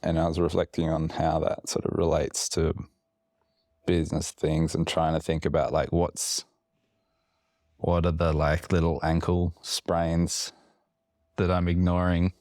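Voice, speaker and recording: A man's voice: monotone, measured pace, darkish tone, no echo, clean studio sound. A man co-hosting a casual podcast chat, rambling with fillers and restarts, a bit woozy from medication. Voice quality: very low, gravelly voice. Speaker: podcast co-host.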